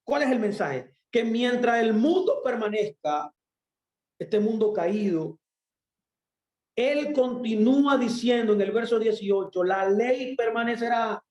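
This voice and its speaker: High-voiced emphatic male preacher, echoey room. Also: lively intonation, slow, darkish tone. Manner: emphatic, asks and answers himself. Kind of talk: sermon.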